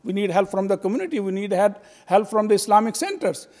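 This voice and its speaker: An older man speaks at a podium stand mic in a convention hall, the recording carrying long hall reverb. His voice is high-pitched and a little mellow, fast with lively intonation. He gestures while speaking and sounds hesitant, with many fillers and restarts.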